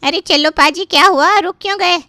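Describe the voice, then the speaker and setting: A woman voicing the groom's greedy, loud, complaining aunt in a cartoon. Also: moderate pace, no echo, clean studio sound. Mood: demanding. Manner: shrill, complaining, pushy. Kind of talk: cartoon voice acting.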